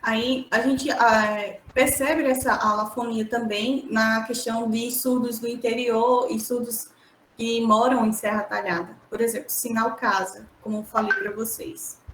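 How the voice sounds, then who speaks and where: A woman's voice: fairly high pitch, level tone, a bit bright. Hesitant woman in an echoey room. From Northeast Brazil. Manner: hesitant, with filler pauses. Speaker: student. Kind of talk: classroom contribution over a call. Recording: echoey room, faint background hum.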